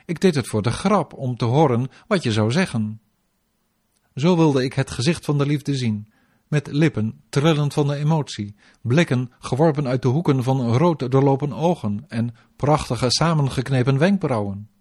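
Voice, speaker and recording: A man reading the lines of a playful divine lord consoling his wife, in an even, formal devotional reading. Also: medium pitch, normal speed, natural voice. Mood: tender. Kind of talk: scripture reading.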